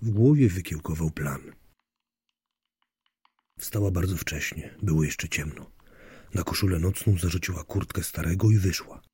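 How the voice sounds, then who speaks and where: Very husky, dark-voiced male narrator. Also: deep voice, normal speed, long pauses, dry recording. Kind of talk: audiobook narration.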